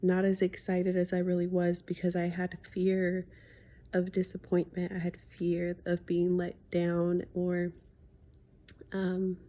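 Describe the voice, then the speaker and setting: A woman talking reflectively in a confiding personal vlog as a healing coach, with slightly lisped speech from wearing a retainer, pausing thoughtfully and often softening to a near-whisper. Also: lowish voice. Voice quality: slight lisp from speaking with a retainer in. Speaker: spiritual healing coach sharing a personal story.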